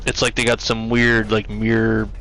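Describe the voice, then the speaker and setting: A man's voice: lowish voice, monotone, normal speed, fairly bright tone, slight background noise, rough recording. A man streaming a shooter game, chatting casually, rambling and swearing freely. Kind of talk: casual gaming chat.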